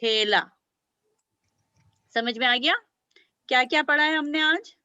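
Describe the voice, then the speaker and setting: Slow, bright-voiced woman teaching children. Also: high-pitched, dry recording, dull audio. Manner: patient, encouraging, sounds out letters slowly and praises often. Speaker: Urdu teacher. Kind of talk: beginner language lesson for children.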